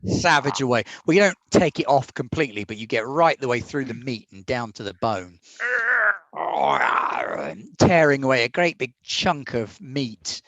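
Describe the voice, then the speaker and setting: A man's voice: medium pitch, animated, moderate pace, a bit bright, dry recording. Male game master, close and dry. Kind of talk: casual tabletop game narration.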